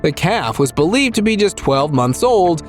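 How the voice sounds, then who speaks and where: A man's voice: high voice, sing-song, normal speed, soft background music. A man reading scripted nature documentary narration for a video about strange creatures, as a voice-over.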